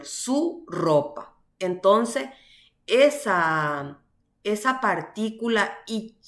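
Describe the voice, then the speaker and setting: A woman teacher from Paraguay giving a university language class, explaining slowly and often checking with "¿verdad?". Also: mid-range voice, a bit bright, roomy sound. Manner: slow, explanatory, frequent "¿verdad?" tags. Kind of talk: online class lecture.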